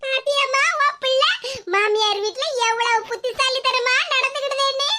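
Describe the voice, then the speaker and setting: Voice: very high voice, steady tone, normal speed, very noisy. A voice actor doing a smug young cartoon daughter-in-law. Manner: smug, giggling.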